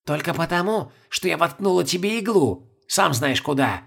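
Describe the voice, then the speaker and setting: A male narrator voicing a sharp-tongued, scheming old woman court servant who talks in a dry, needling way. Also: on the high side, lively intonation, normal speed, creaky, husky, pitched above the performer's own voice, full character voice. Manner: dry, needling, quietly triumphant. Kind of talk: audiobook character voice.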